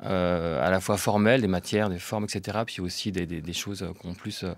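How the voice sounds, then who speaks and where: Hesitant man with a low, dry voice. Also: fairly even intonation, brisk, creaky, no echo. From Brittany, France. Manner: hesitant, many fillers and repeated words. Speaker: guest artist. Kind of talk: radio interview answers.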